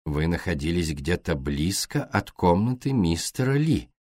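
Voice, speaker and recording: A man voicing a shrewd, courteous foreign male detective in an audiobook, talking slowly, softly and deliberately. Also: deep voice, big pitch swings, dry recording, clean studio sound, voice pushed down, heavily acted. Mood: probing. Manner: slow, soft, deliberate.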